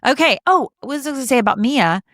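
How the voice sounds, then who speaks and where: A woman's voice: high-pitched, dry recording, clean studio sound. Chatty Southern American woman podcaster. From Southern United States. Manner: chatty and animated, quick restarts. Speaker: podcast co-host. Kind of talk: casual film podcast chat.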